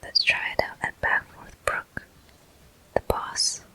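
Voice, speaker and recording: In this ASMR-style gameplay video, the female host offers her commentary in an unhurried, gentle, soft murmur.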